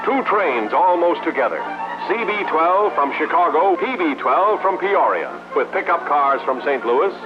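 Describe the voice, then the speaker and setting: A 1950s-style American male narrator delivers a scripted promotional film with formal emphasis. His pitch is fairly high and swings in lively fashion from phrase to phrase. The soundtrack is dull and vintage, with loud music playing behind him. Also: normal speed. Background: loud background music.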